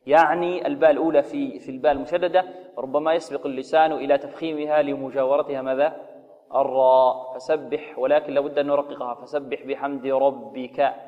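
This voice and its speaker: A man teaching Quran recitation rules, explaining slowly, asking rhetorical questions and modeling recited examples. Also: fairly high pitch, fairly even intonation, in a large hall, lo-fi sound. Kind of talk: tajweed lesson with recited examples.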